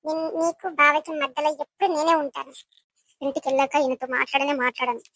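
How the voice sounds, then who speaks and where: A woman's voice: high voice, steady tone, fast, a bit bright, no echo, rough recording. A woman voicing a jealous, scheming young girl cousin in a village comedy skit, taunting and gloating.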